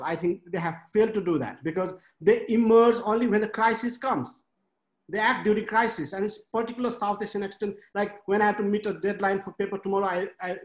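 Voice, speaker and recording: High-voiced man speaking frankly on a video call. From Nepal. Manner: frank, emphatic, counts off points. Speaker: panelist. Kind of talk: webinar panel talk. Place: home study with bookshelves. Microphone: laptop webcam on a video call. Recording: echoey room on a video call.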